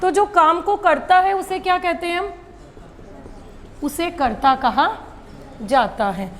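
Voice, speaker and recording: Woman teacher, high voice, quizzing then answering herself, echoey room, faint hum. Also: takes it slowly, a bit bright. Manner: asks questions and answers them herself. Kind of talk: Hindi grammar lesson.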